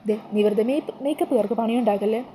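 A woman's voice: on the high side, rapid-fire, warm tone, a little hiss or hum, close to an everyday voice, poor audio. A woman voicing the bride's reassuring friend in a TV serial recap, speaking in a soothing way.

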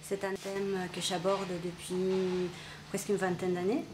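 An Argentine-born woman painter speaks in a monotone, mid-range voice at a measured pace, thoughtfully searching for words during an interview. She's in an indoor art gallery, recorded on a camcorder mic in medium framing, with roomy acoustics, music, and background noise behind her.

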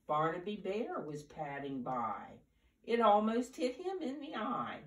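An older woman in her seventies reading a picture book aloud to preschoolers in an animated, deliberate storyteller's manner, with drawn-out emphasis. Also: mid-range voice. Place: living room, indoors. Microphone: camera a few feet away. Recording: roomy, distant camera microphone.

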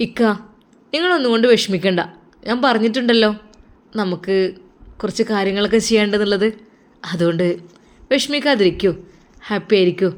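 A woman doing a gentle consoling younger brother. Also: mid-range voice, expressive, fairly quick, long pauses, lightly acted. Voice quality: soothing, reassuring. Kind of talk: storybook narration.

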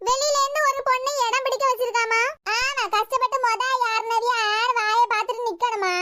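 Woman voice artist, Kanyakumari Tamil; voices a whole cartoon cast, very high and bright, quarrelsome banter. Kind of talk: voicing all cartoon characters.

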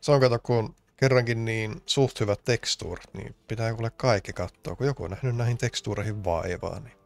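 A man's voice: on the low side, gravelly, no echo, faint music behind. A man from Finland doing casual, rambling let's-play commentary, joking and grumbling as he plays. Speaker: streamer.

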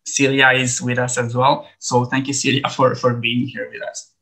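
Bright-voiced man leading a webinar. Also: medium pitch, normal speed, poor audio. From Romania. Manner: friendly, relaxed presenter with frequent "uh" fillers. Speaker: edtech trainer. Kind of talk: online training webinar. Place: home office, video call.

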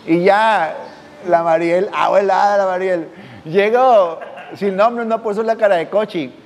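Casting: male podcast host, high voice, slangy casual anecdotes, roomy reverb. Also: a little slow, a little hiss or hum. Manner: slangy, drops "güey" constantly, acts out voices. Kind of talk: casual storytelling monologue.

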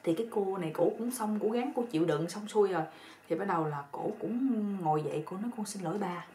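A woman's voice: medium pitch, fast, dark tone. A woman telling a story in a casual, chatty way, often repeating words. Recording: roomy echo with faint noise.

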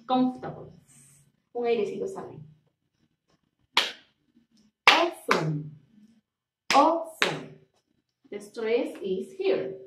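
A woman teacher, leading a bilingual English lesson and drawing out words slowly as she repeats them for pronunciation drills. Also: on the high side, fairly bright tone. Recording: echoey room, distant mic, faint noise.

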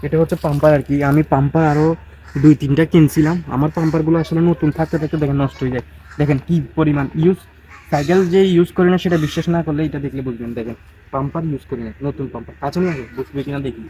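A man's voice: fairly high pitch, fairly even intonation, very fast, a little hiss or hum, rough recording. A man vlogging outdoors in a backyard by a pond, chatting casually and a bit tired from washing his bicycle. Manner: rambling, chatty, addresses viewers directly; speaking quietly so neighbours won't hear. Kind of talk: casual vlog chat.

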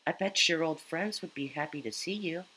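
A man voicing a caring mother cat in a video game with a soft motherly lilt. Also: a little high, normal speed, slight background noise, pitched above the performer's own voice, low-quality recording.

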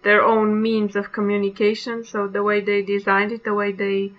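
A woman's voice: mid-range voice, completely flat delivery, normal speed. A young woman from Austria, speaking reflectively to a webcam and restarting phrases often. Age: young adult. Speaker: course participant. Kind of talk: self-recorded video statement. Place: room at home. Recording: slightly dull webcam audio.

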